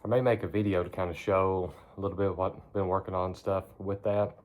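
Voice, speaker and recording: A man with a deep, low voice talks casually to a phone propped up in a barn. He is laid-back and folksy, rambling along and cursing offhand like he is catching up with regular viewers. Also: fairly even intonation, quick pace. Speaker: vlogger. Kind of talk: casual rambling chat to camera.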